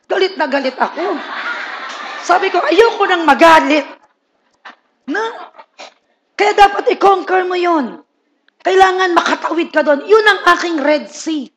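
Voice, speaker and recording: A high-voiced man preaches to his congregation. He is humorous and lively, acting out everyday people's words and asking the listeners for agreement again and again. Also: moderate pace, pauses often, a little hiss or hum. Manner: humorous, asks the crowd "Di ba?" often; lively, acts out people's lines. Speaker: pastor. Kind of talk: sermon.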